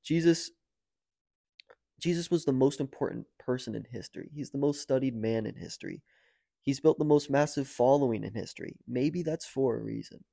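A young man with an American accent telling a personal story in a casual podcast chat, filling his talk with "like" and "dude" and getting louder and more excited as it builds. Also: normal speed, creaky, dry recording, clean studio sound. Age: young adult. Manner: animated, rising to near-shouting at high points, lots of "like" and "dude". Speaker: guest.

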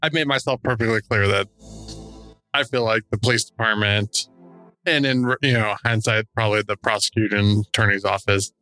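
A man co-hosting a podcast, giving opinionated conversational commentary in a frustrated, halting, emphatic way. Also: lowish voice, bright, forceful tone, faint music behind, rough recording. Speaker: true crime podcast co-host.

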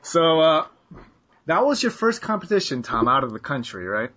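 A man's voice: a little high, very animated, moderate pace, a bit bright, slightly rough. A man from the southern United States hosting a casual podcast chat, teasing his guests and joking around. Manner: jokey, teasing, swears and laughs often. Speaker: podcast host. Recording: muffled lo-fi audio.

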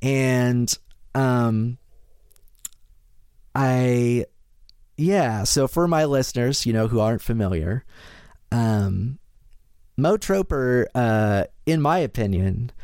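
A man's voice: mid-range voice, lively intonation, takes it slowly, long pauses, a little mellow, clean tone, dry recording, clean studio sound. A man hosting a podcast, casually introducing things in a hesitant, rambling way full of asides. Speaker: podcast host.

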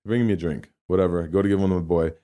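A man co-hosting a podcast, telling a story in a rambling, animated way with lots of fillers. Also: low-pitched, very fast. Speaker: podcast co-host. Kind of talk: casual storytelling chat.

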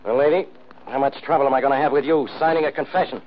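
An American actor playing a stubborn, blustering middle-aged police inspector in a 1940s radio mystery, blunt and insistent, on an old recording. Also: male voice, medium pitch, fairly even intonation, fast, lo-fi sound, slight background noise, natural voice. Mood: skeptical. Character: blustering, hard-nosed police inspector man, stubborn and boastful.

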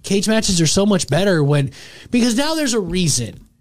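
A man's voice: high-pitched, sing-song, moderate pace, dry recording, clean studio sound. A man on a wrestling panel chatting casually and argumentatively, making his case with rhetorical questions. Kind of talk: opinionated casual sports chat.

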